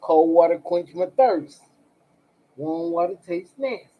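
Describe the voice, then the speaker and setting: A woman's voice: fairly low pitch, lively intonation, measured pace, lo-fi sound. A woman chatting casually on a livestream as a tarot reader, blunt and profane, talking straight to her viewers. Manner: blunt and profane, talks to chat directly.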